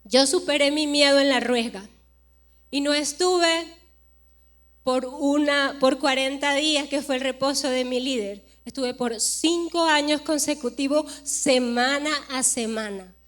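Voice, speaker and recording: A woman pastor in her forties preaching a sermon, telling a personal story with animated delivery and acted-out dialogue. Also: high-pitched, a little slow. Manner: animated storytelling, acting out dialogue with emphatic rises.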